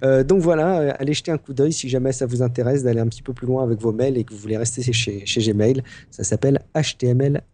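Mellow-voiced man, halting podcast chat. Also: mid-range voice. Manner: hesitant, many fillers and restarts. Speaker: podcast co-host. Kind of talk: casual chat.

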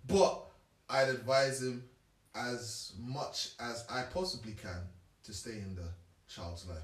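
A man's voice: medium pitch, slow pace, fairly bright tone. A young man with a London accent, chatting casually as he reasons through his points and repeats them for emphasis. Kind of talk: casual chat. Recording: echoey room, distant from mic.

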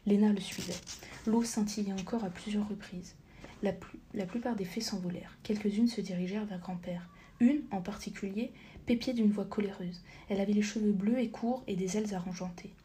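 A woman half-whispers a story for an audiobook in a soft, steady mid-range voice, going a little fast. She catches and corrects occasional slips, with slight background noise behind her.

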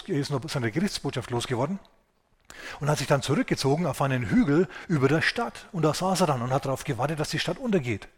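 A man preaching a sermon as pastor, in loose everyday language that wanders into asides. He speaks straight to his listeners and checks in with them as he goes. His voice sits at a middling pitch for a man. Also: slightly rough. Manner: colloquial, digressive, addresses congregation directly.

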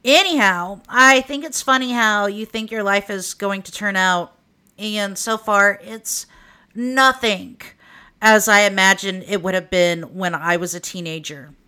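A woman's voice: medium pitch, measured pace, sharp tone, clear, resonant tone. A woman of about forty with an Oklahoma accent, hosting a podcast in a candid, informal, wry conversational monologue. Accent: Oklahoma (Okie). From Oklahoma, United States. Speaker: podcast host. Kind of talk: conversational personal monologue for a true crime podcast.

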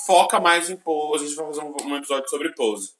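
A man with a deep voice, co-hosting a podcast and telling stories with excitement and sudden shouted bursts. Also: a little fast, slight background noise. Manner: excited storytelling, bursts of shouting when retelling. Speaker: podcast co-host. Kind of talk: casual chat. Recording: roomy echoey room.

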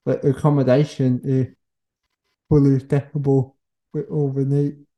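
A man hosting a casual podcast interview in halting, fragmented phrases. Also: mid-range voice, little pitch movement, dark tone, dull audio. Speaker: podcast host.

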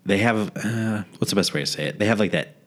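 A man with a very low, deep voice co-hosts a podcast in relaxed chat. He tells stories at an easy pace and often stops to hunt for the right word. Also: fast talker. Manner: easygoing, searching for words, storytelling. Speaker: podcast co-host. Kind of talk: casual chat.

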